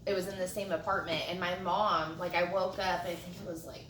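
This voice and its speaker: Woman telling friends a story, kinda low voice, swears a lot, far from the mic, echoey room. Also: fairly quick. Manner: animated, swears freely, acts out quotes. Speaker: friend at a hot sauce tasting. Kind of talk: casual storytelling among friends. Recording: roomy sound from a distant mic with faint noise.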